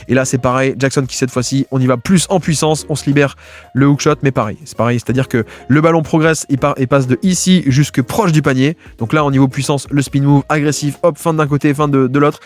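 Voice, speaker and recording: A man giving casual, fast-paced commentary as he breaks down basketball game film, with many fillers and restarts. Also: mid-range voice, fairly even intonation. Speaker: basketball video analyst.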